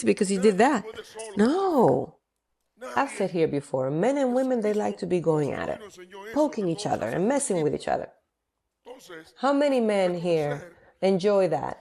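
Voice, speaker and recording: A woman preaches with a mellow, warm tone that never turns sharp. She drives her points home by repeating short phrases, giving her delivery an insistent, emphatic pulse. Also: mid-range voice. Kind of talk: sermon.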